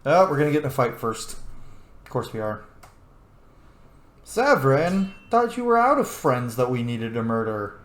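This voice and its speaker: Hosting a game roleplay video series, a man with a mid-range voice delivers casual let's play commentary at normal speed, very animated but pausing often. He mutters asides to himself and swears casually, and the recording sounds roomy with faint background noise.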